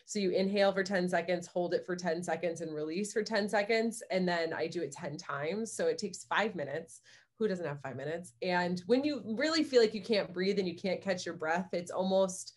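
Lower-voiced young woman guest. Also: normal speed. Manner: eager, explains step by step. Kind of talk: casual chat.

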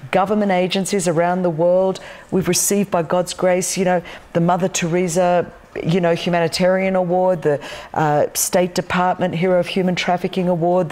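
An Australian woman in her fifties speaks in a fairly low, slightly mellow voice as a talk show guest. She tells her story with passion and emphasis, gesturing constantly with both hands. It's animated testimony, set in a large studio loft with wooden beams.

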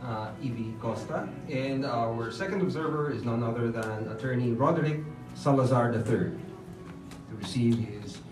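A young man acting as master of ceremonies at a formal award ceremony, politely calling people up with many hesitant pauses. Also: mid-range voice. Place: hotel function room, at a lectern. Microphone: lectern microphone, filmed from far off. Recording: roomy far-off hall sound with music. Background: background music.

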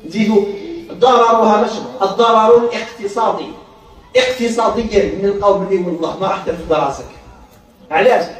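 A fast-talking man with an Algerian Arabic accent lectures with animated energy and acts out small exchanges. His voice sits high for a man. The recording is very echoey and he sounds far from the mic. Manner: animated, acts out little dialogues. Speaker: counselor. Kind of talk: lively lecture.

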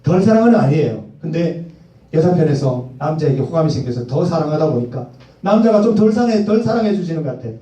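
A man's voice: a little high, very animated, fast talker, warm tone, recorded from a distance. A man in his forties preaching a sermon to a youth service in a conversational way, asking the congregation questions and acting out quoted lines. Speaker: pastor. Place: church hall. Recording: echoey hall, mic from afar.

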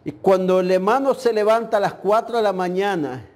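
A man's voice: high voice, brisk. A male pastor preaching a sermon, telling a personal testimony in an earnest, emotional way. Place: church in Puerto Rico.

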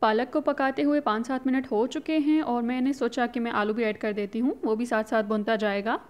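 This woman sounds like the laid-back host of her own cooking channel, chatting viewers through a home recipe in an instructive voice-over and often using English words. Her voice is a little on the high side, fairly quick, and the sound is lo-fi.

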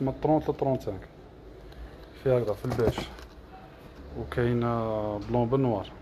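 A man with an Algerian Arabic accent runs down shoe models one after another, listing prices and colors. He talks quickly at an ordinary middle pitch. Clear shop ambience hums behind him. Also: noisy background. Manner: rattles off prices and colors in a list. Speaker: shop seller. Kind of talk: product showcase livestream.

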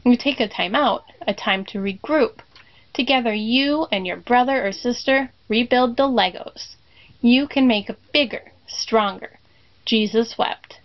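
A middle-aged woman with a fairly high voice gives a children's reflection in church. She talks slowly and deliberately and returns again and again to a short refrain. The recording sounds dull and lo-fi. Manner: slow, deliberate repetition of a refrain. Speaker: congregation member giving a reflection.

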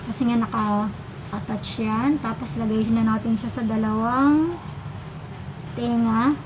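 Filipino woman, through a face mask, fairly high voice, chatty and playful, noisy home recording. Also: steady tone, unhurried. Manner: chatty, mixes English and Tagalog, playful asides. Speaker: vlogger reviewing a product. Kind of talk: casual product demo.

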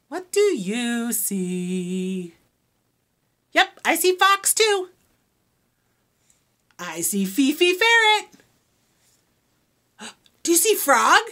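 A woman reading a picture book aloud to children, stopping to explain new words and ask them questions. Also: sits high. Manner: animated, asks children questions. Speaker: storybook reader for children. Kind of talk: children's read-aloud with vocabulary teaching.

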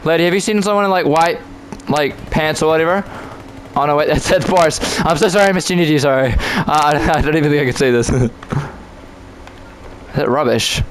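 A playful man talks his way through a game, joking and chatting to the players around him. His voice sits a bit high, and a faint hiss runs under the recording. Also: normal speed, poor audio. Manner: playful, jokey, talks to himself and to other players. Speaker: gamer commentating his own play. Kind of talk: casual gameplay commentary.

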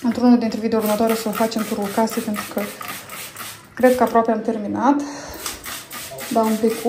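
A family vlogger from Romania, in her thirties, narrates a casual chore video indoors at home on her phone camera. She's chatty, pausing often with fillers while she works, her voice slightly high against background noise.

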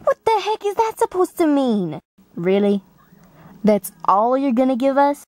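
Woman voicing teenage monster girl, high, sassy, whiny little sister, talking with braces, amateur cartoon reading, dry. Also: sing-song, unhurried, a little mellow, no room sound. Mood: exasperated.

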